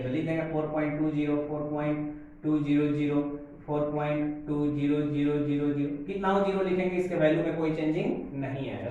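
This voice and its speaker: A man's voice: fairly high pitch, darkish tone. A man teaching maths, mixing English terms into his Hindi and repeating key words back to the class as questions. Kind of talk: classroom lesson explaining on a board. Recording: very echoey room.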